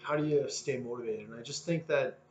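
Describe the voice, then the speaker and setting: A man's voice: mid-range voice, fairly quick, roomy sound. A man in his thirties talking earnestly about his motivation in a casual, rambling monologue full of restarts. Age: 30s. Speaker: fitness vlogger.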